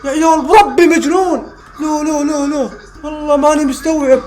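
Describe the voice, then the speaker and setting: A young man reacting live to a football match, exclaiming and repeating phrases, shouting at goals. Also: very high voice, steady tone, brisk, faint music behind. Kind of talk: excited live reaction commentary.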